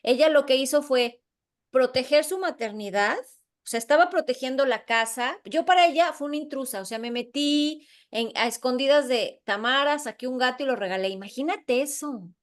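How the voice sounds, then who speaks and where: A woman's voice: sits high, moderate pace. A middle-aged woman, an instructor telling an anecdote to her class, acting out the dialogue as she goes. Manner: animated, acts out the dialogue. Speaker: course instructor. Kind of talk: lively storytelling in a class.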